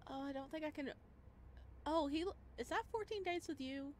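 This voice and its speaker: With a voice that sits high and a moderate pace, a woman hosts a gaming video against slight background noise and music. She reads game text aloud amid excited let's play commentary that's gushing, exclamatory and peppered with playful cutesy slang.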